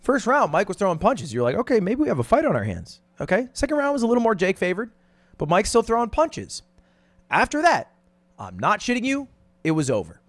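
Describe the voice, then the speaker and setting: A high-pitched man delivers blunt video commentary with big swings in intonation. He is exasperated and swears freely, and the recording is close and dry. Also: huge pitch swings, brisk, dry recording. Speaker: online commentator. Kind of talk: animated opinion video commentary.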